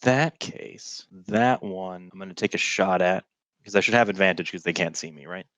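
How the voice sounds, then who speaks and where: A man plays as a guest at a tabletop game, methodically asking about positions before he rolls. His voice is on the low side, and the sound is dry and close. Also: normal speed, fairly bright tone, no room sound, highs cut off. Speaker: guest player.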